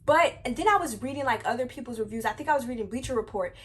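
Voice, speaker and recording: Young woman fangirling over wrestling, kinda high voice, lots of um and y'all, close mic. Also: fast. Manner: animated, addresses viewers as y'all, many fillers. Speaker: wrestling review vlogger. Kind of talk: excited casual wrestling recap.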